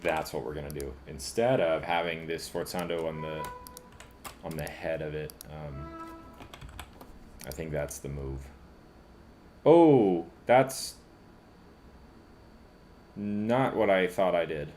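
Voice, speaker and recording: A man composing on a live stream, thinking aloud in a halting, casual way with lots of fillers and self-deprecating asides. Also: a bass voice, darkish tone, faint music behind. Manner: halting and musing, many fillers, laughs at himself.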